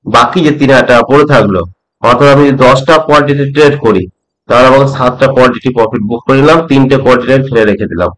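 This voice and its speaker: A middle-aged man from West Bengal teaching a trading method, talking slowly and repeating points, often checking that the listener follows. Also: mid-range voice, fairly bright tone, poor audio. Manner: slow, repeats points, asks "ঠিক আছে?" often. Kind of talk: slow explanatory tutorial.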